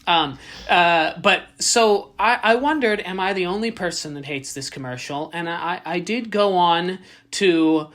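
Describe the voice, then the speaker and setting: A man from Maryland co-hosting a podcast, chatting casually in a jokey, animated way with lots of fillers. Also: high-pitched, unhurried. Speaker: podcast co-host. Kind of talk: casual chat.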